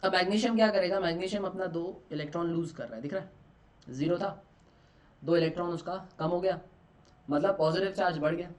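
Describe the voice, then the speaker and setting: A man teaching a chemistry class for an exam, in Hindi mixed with English phrases. He keeps asking the class questions and answers them himself, repeating key terms, and lets each answer word drop low and soft. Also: fairly quick. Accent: Marathi-influenced Indian. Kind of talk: online exam-prep lecture.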